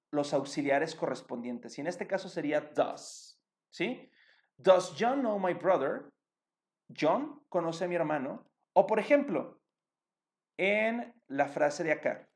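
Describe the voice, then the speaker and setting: A patient man explains grammar at a board, step by step. His voice sits a little high for a man, and he keeps checking that his students are following along. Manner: patient, checks understanding with tag questions. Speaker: English teacher.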